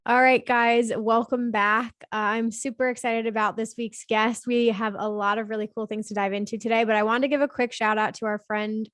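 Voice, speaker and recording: A woman's voice: a little high, level tone, fairly quick, hardly any pauses, a bit bright, dry recording, studio quality. A woman hosting a podcast interview, bubbly and enthusiastic, talking casually with lots of fillers. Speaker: podcast host.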